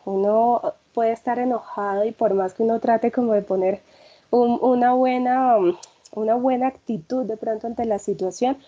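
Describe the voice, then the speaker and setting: Mujer colombiana, voz apagada y cálida. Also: female voice, a little high, steady tone, normal speed, mellow, muffled recording. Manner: conversational, frequent fillers and checking questions. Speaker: workshop facilitator. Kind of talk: online workshop talk.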